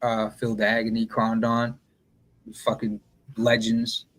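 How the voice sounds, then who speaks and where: A man's voice: fairly low pitch, monotone, a little slow, a bit bright, rough recording. A man on a roundtable podcast, casually listing what he's been listening to with many ums. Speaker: podcast co-host.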